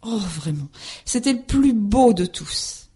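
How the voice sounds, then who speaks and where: Breathy, unhurried woman narrating a fairy tale with lots of pitch movement. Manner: expressive, deliberate. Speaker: storyteller. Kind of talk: storybook reading aloud.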